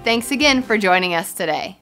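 A woman's voice: medium pitch, lively intonation, brisk, fairly bright tone, soft background music. A woman in her thirties giving a scripted welcome announcement as an online church host.

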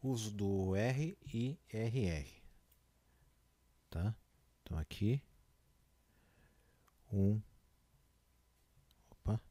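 A Brazilian man teaching a casual lesson, explaining slowly and often checking in with the listener. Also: lowish voice, lively intonation, mellow, dry recording. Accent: Brazilian Portuguese. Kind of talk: casual classroom lesson video.

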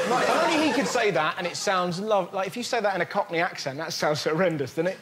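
A man on a comedy panel, giggling through his lines. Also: high voice. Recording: heavy background noise.

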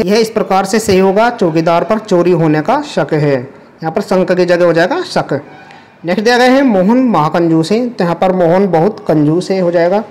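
A man's voice: high voice, a little mellow. A man teaching a lesson, going through a past exam paper step by step and patiently repeating each correction, with English terms mixed in. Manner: step-by-step explaining, mixes English terms into Hindi.

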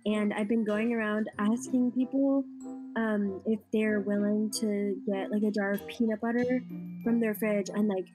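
A woman's voice: medium pitch, steady tone, unhurried, music in the background. A woman in her twenties chatting on a webcam, giggly and chatty, filling her talk with "like". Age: 20s. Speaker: stranger on a video chat site. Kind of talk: casual video chat. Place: indoor room.

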